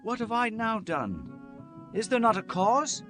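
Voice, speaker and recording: A man plays a fearless shepherd lad with a high, animated voice. He declaims earnestly in a biblical audio drama, with light music behind. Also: unhurried, heavily acted. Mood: protesting.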